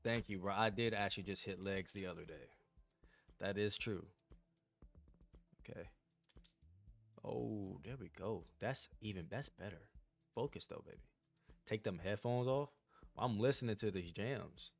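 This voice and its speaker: A young man streamer opens trading cards while chatting casually with his live chat in slangy, laid-back commentary. His voice is fairly low with vocal fry, a little slow, with frequent pauses and faint music behind him.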